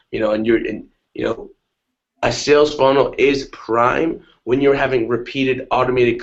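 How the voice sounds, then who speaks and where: A man in a casual motivational talk on a webinar call, energetic and repetitive, often asking "right?". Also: medium pitch. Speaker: guest on a webinar. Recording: dull lo-fi webinar audio.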